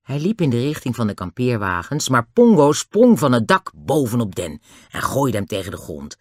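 A man reading a children's adventure story aloud, in a lively, expressive way. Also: mid-range voice, moderate pace, no room sound, clean studio sound. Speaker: narrator. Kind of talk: audiobook narration of a children's book.

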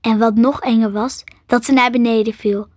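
A woman narrates a children's chapter book in a slow, careful reading voice. Her voice sits fairly high, and the recording is close and dry with no room sound. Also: fairly even intonation, darkish tone, no room sound. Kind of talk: storybook reading.

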